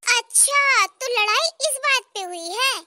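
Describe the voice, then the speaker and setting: A woman's voice: very high-pitched, expressive, slow pace, dry recording, studio quality, full character voice. A woman voicing a curious, teasing village neighbor in a cartoon, prodding her friend for gossip. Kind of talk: cartoon voice acting. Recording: loud children's background music.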